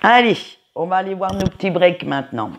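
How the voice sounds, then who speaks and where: A tarot card reader with a noticeable accent gives a casual weekly forecast from home by a window, in an unhurried, sing-song manner. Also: medium pitch, lively intonation, fairly bright tone. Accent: non-standard French accent, kind not stated. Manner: unhurried, sing-song, frequent "hein" tags. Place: home, by a window facing a tree.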